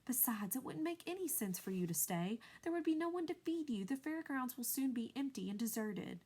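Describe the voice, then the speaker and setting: A woman voicing a wise, gentle female spider in a storybook reading, speaking quietly and in a measured way. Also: sits high, expressive, breathy edge, voice pushed up. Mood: calm. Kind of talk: storybook read-aloud.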